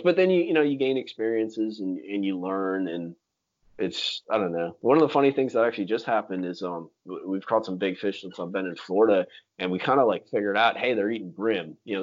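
A man telling stories in casual chat, with slangy talk full of dude, like and freaking. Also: sits low. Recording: dull lo-fi sound.

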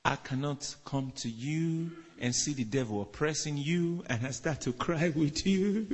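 A man preaching in in a church hall, swinging from low murmurs to shouted commands as he is interpreted line by line. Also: measured pace, husky. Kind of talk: sermon with live interpretation. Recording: echoey hall.

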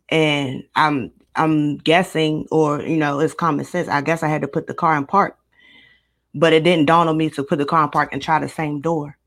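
A woman in her twenties from Maryland, a guest recounting a personal story in a casual interview, steady and matter-of-fact. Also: deep voice. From Maryland, United States. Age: 20s.

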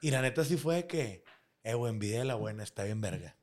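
A man's voice: mid-range voice, animated, fast, a little mellow. Slangy northern Mexican man hosting a podcast. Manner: slangy and profane. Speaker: podcast host. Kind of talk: casual chat.

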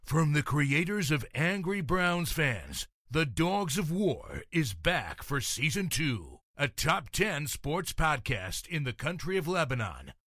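A man reading a mock movie-trailer promo in a dramatic, drawn-out voice-over style. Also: fairly high pitch, very animated, sharp tone, no echo, studio quality. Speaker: trailer narrator.

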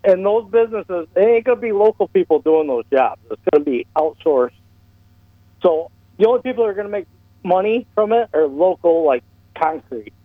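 A man's voice: sits high, animated, normal speed, no echo. A male caller to a radio talk show, talking bluntly and plainly over a clipped, crackly phone line. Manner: blunt, plain-spoken, rambling. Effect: clipped, bad phone line. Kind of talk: casual call-in chat.

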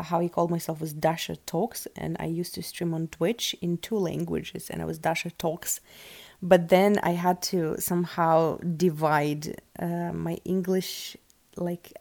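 A woman whose first language is Russian hosts a casual solo podcast, her low, gravelly voice a little mellow on a dry recording. She's chatty and rambling, filling her speech with "like" and "um."

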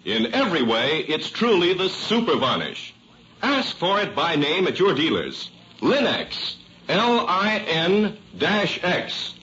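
An American man delivering a chipper, polished sales pitch as an announcer in an old-time radio ad. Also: pushed and bright, lo-fi sound. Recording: noisy, band-limited old radio recording.

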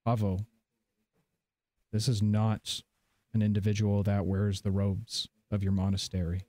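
Measured male game master over music. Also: fairly low pitch, little pitch movement, mellow, no room sound. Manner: measured, descriptive, dramatic pauses. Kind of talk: narrating a tabletop fantasy game. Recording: background music under the voice.

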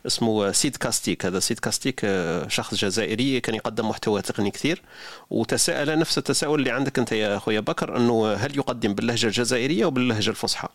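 A man's voice: lowish voice, creaky, a bit bright, dry recording. A man with an Algerian accent hosting a live audio room on a phone app, explaining and giving advice at length. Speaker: podcast host.

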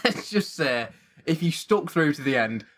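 A man's voice: a little high, very animated, unhurried, a bit bright. A young man from Northern England co-hosting a podcast, chatting casually with dry, teasing humour. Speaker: podcast co-host. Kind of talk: casual chat.

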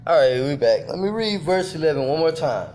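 A man's voice: a little high, lively intonation, a little fast, darkish tone, a little hiss or hum. A man reading scripture aloud for a podcast, tripping over names, correcting himself and dropping casual slangy asides between verses.

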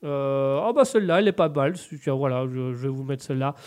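A man's voice: mid-range voice, lively intonation, a little fast, a little mellow, clear, resonant tone. Upbeat male radio host with a cold. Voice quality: congested, stuffy. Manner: upbeat, reads out chat comments, lots of restarts. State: has a cold. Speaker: host of a live radio and Twitch show. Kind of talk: live radio show chat.

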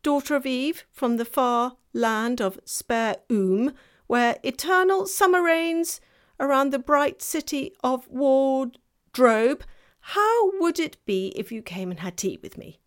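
A woman's voice: high voice, expressive, slow, voice pushed up. Woman voicing a courtly, eager male faun. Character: polite fussy male faun, gentle and wistful.

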